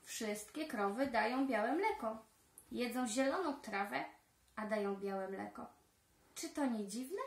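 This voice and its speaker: A cheerful, curious little village girl from a storybook, read aloud by a woman. She speaks in a raised, bright voice, slow and gentle, with a roomy echo around her. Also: a little high, animated, creaky. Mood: wondering.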